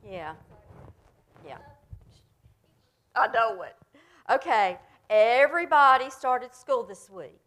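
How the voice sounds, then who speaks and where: A woman leading a children's sermon, talking gently and plainly to the kids in front of her and coaxing them along. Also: on the high side, animated, slow pace, pauses often. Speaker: pastor leading a children's message.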